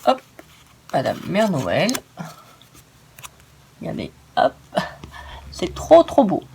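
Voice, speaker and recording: A woman's voice: low-pitched, wildly swooping pitch, takes it slowly, gravelly, warm tone, a little hiss or hum. A woman hosting a casual crafting demonstration, chatty and enthusiastic, often stumbling over her words. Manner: gushing and enthusiastic. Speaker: craft video host.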